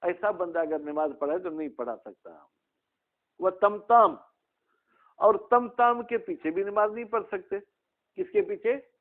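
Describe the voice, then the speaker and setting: A man's voice: high voice, unhurried, pauses often. A male religious teacher giving a classroom lesson, asking his students questions by name. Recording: tinny phone-like sound.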